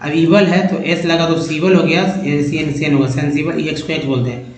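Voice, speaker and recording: A man's voice: on the high side, steady tone, normal speed. A man teaching English reading, spelling out letters and then sounding out each word part, one by one. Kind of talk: phonics lesson, explaining word parts. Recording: echoey, dull lo-fi room sound.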